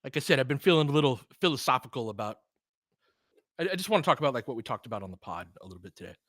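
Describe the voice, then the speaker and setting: An online basketball host, a middle-aged man, gives live play-by-play mixed with chat, conversational and opinionated, reacting aloud to the game. He speaks rapid-fire and expressively in a medium-pitched, slightly bright voice. Studio-quality audio, no echo.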